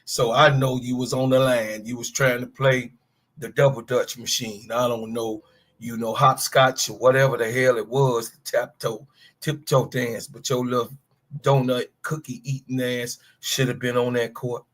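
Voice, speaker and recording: A man in his fifties co-hosts a sports talk podcast, his mid-range voice fairly bright and steady in pitch at a moderate pace. He's in the middle of a heated rant, emphatic and profane, calling players out by name.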